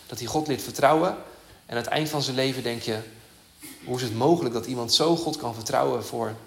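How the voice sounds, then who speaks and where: A man's voice: mid-range voice, creaky, a bit bright, a little hiss or hum. Earnest man preaching in a roomy church. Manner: earnest, halting, with many fillers and restarts. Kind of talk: sermon.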